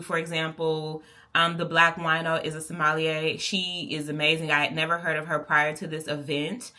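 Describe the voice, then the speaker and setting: Texan woman vlogger, low-pitched and bright-toned, chatty to-camera talk with playful asides. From Texas. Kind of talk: casual vlog talk to camera.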